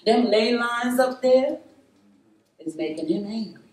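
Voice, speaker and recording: A woman speaking to a live roundtable group, animated and preachy, laughing often and calling out to her audience. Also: a little high, measured pace. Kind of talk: spirited talk to a live group. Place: meeting room with an audience. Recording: echoey room, voice from far off.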